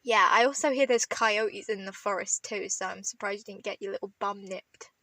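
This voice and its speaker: A woman's voice: mid-range voice, normal speed, pushed and bright, no room sound, low-quality recording. A woman co-hosting a podcast, telling stories with teasing, crude jokes in casual chat. She is from Canada. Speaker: podcast co-host.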